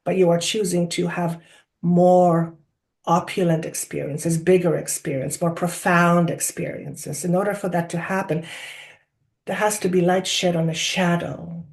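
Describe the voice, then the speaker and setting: A person voicing a channeled collective of wise spirit guides, like a seance medium in trance, deliberate and oracular with drawn-out emphasis and rhetorical questions. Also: mid-range voice, fairly even intonation, creaky. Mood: emphatic, instructive. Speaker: channeler speaking as a council of spirits.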